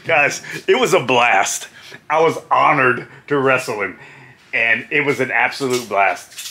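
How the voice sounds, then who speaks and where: A man's voice: medium pitch, unhurried. A middle-aged man, a former pro wrestler, animatedly telling a road story with laughs. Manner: animated, laughing, acting out voices. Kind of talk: storytelling vlog.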